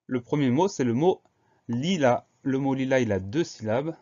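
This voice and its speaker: Male teacher for a dictation lesson, patient and methodical, spells each letter, mid-pitched voice, slightly muffled lo-fi recording. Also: animated, normal speed, dark tone.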